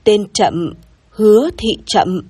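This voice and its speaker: A woman's voice: medium pitch, slow pace, dark tone, breathy edge. A woman voicing a suspicious, worried grandmother in her old age, who mutters and frets, in a narrated audio story. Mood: wary. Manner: fretful, muttering.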